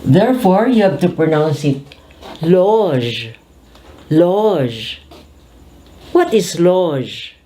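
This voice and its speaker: Older woman, patient pronunciation teacher, low-ish voice, deliberate over-articulated drilling. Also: very animated, mellow, a little hiss or hum.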